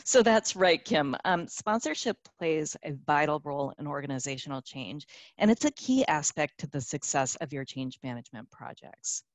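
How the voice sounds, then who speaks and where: Woman webinar presenter, low-pitched, upbeat and chatty, lots of ums, dry sound. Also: expressive, moderate pace, no echo. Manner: upbeat, with many fillers and restarts. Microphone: conference call line.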